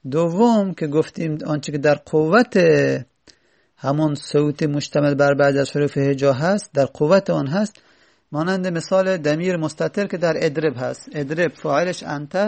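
A man's voice: fairly high pitch, vocal fry, a little mellow. A man teaching Arabic grammar, reading lines from an Arabic text and then explaining them step by step.

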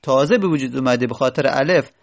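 A man giving a grammar lesson, patiently repeating word forms and slowly dragging out their syllables. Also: mid-range voice, gravelly. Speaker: teacher.

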